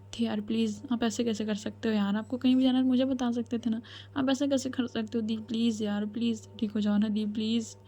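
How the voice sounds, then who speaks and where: A woman voicing a tearful, devoted young woman who pleads with her sister in a spoken love story, in her own mellow voice. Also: on the high side, steady tone, brisk, natural voice. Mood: pleading.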